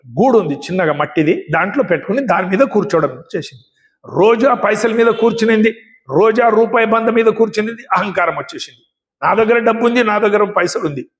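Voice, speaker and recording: A man with a Telangana Telugu accent delivers a scolding political monologue with a high-pitched voice, hammering the same phrases again and again. His voice rings in a long hall reverb, and he coughs now and then between points. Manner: emphatic, repetitive, scolding. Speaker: speaker.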